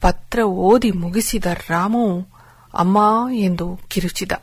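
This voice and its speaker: A woman's voice: medium pitch, slow pace. A woman narrating a story, speaking directly and heartfelt to her listeners.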